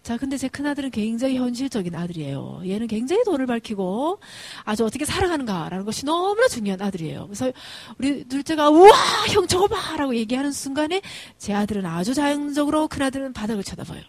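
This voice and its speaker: Brief: female church speaker, husky, animated anecdotal sermon. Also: on the high side, fast talker, hardly any pauses, no room sound. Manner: lively storytelling, humorous family anecdotes. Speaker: guest speaker at women's mission devotion service.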